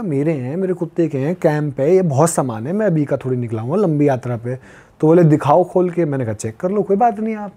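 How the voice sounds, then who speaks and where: A young man from Uttar Pradesh tells a story as a podcast guest, in a casual conversational way. His voice sits a little high but sounds soft and warm. He acts out the dialogue of the people in his story as he goes. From Uttar Pradesh, India. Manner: lively retelling that acts out quoted dialogue. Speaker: podcast guest, long-distance pilgrim walker.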